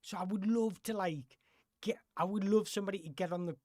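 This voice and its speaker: In casual live-stream chat about football, the host answers viewers briskly with a dark tone at middle pitch. He meanders, self-corrects and restarts sentences to put things another way. The recording is close and dry, with no echo.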